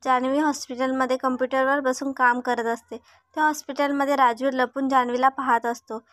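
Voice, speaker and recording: A woman storyteller reading a serialized drama aloud in a steady, even manner. Her voice is high and sits close and dry on the mic. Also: fairly quick, no room sound. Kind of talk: read-aloud story narration.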